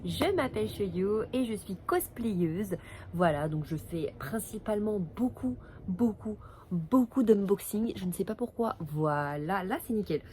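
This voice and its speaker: Young woman, casual vlogger, chatty and playful with hushed asides, built-in mic, faint street noise behind. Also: mid-range voice, animated, unhurried. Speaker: cosplayer vlogger. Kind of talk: casual unboxing vlog. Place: home room with open window. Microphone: built-in camera mic. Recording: faint outdoor noise through window. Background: faint street noise and crinkling packaging.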